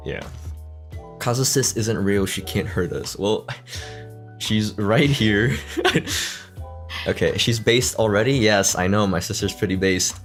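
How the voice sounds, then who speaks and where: A man hosting a casual chat stream, easygoing and quick to laugh, often restarting his words. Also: lowish voice, soft background music. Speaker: streamer host. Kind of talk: casual chat reading fan questions. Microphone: desk mic.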